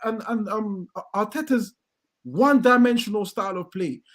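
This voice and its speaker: A man, a football fan ranting in heated casual chat, swearing often and building to loud outbursts. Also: high-pitched, normal speed. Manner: swears a lot, rants with rising outbursts.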